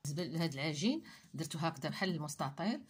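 A woman with a Moroccan Arabic accent and a low voice demonstrates a recipe. She moves at a brisk pace and talks viewers through each step in short phrases while she works. Faint noise sits under her voice. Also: sing-song, darkish tone. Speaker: cooking channel host.

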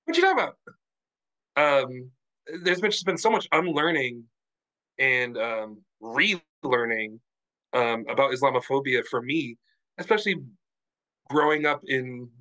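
A man's voice: medium pitch, unhurried, pauses often, poor audio. A man speaking frankly and animatedly in a casual book club discussion over a video call. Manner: animated, frank, lots of fillers.

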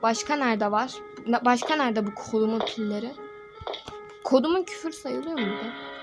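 Young female gaming creator, slightly high voice, chatty and jokey with viewers, loud game music behind. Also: normal speed. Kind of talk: let's-play commentary.

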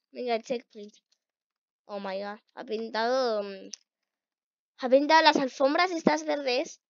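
Excitable high-voiced woman gaming, gravelly edge. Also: no room sound, lo-fi sound. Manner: excitable, shrieks at failures, mutters while playing. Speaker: gaming youtuber. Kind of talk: casual let's-play commentary.

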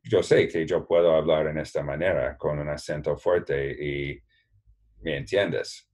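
A man from the United States with an American accent, chatting in careful learner's Spanish and English on a video call as a language program founder, encouraging and deliberate. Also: a bass voice, fairly even intonation, a little mellow. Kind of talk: casual bilingual video call chat.

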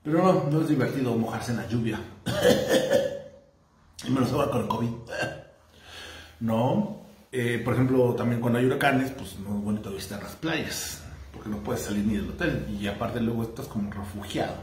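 Brief: Mexican Spanish vlogger, mid-pitched man, rambling chatty delivery, roomy echo. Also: moderate pace, long pauses, darkish tone. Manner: chatty, rambling, tags lines with "¿no?". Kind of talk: casual travel-tips chat.

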